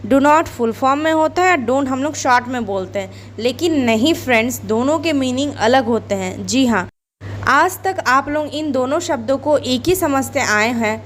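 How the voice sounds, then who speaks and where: A high-pitched woman teaches a spoken English lesson to camera. She talks in a friendly, chatty way and walks through everyday examples, with a faint hiss of noise behind her voice.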